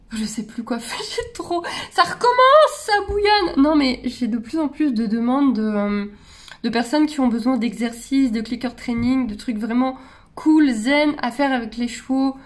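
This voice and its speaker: A French woman who vlogs about animal care talks in a casual, rambling way, often interrupting herself and laughing at her own tangents. Her voice is fairly high-pitched with a darkish tone.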